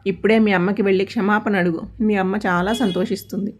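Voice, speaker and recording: Give me a woman playing a gentle old grandfather who calmly comforts a child. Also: mid-range voice, quick pace, close to an everyday voice. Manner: patient, soothing advice. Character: kindly elderly grandfather, gentle and wise.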